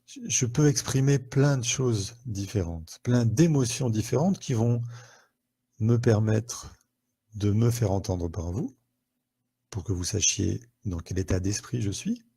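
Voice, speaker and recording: A man's voice: lowish voice, unhurried, mellow, slightly rough. A French man, a therapist, hosting a live online talk to viewers, conversational and full of questions and fillers, on a headset mic.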